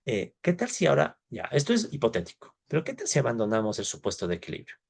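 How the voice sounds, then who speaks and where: A man lectures on economics in a loose, chatty way, peppering his points with quick tag questions to his class. His voice has a gravelly, fry-laden edge, and it sits at a middle pitch. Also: wildly swooping pitch. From Ecuador. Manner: conversational, tags sentences with "¿no?" and "¿ya?", thinks aloud. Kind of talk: informal lecture.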